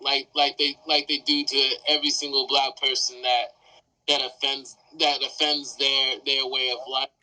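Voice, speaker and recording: A man's voice: medium pitch, flat delivery, normal speed, bright, forceful tone, poor audio. A man in a casual roundtable chat, earnest, restarting words as he builds his point.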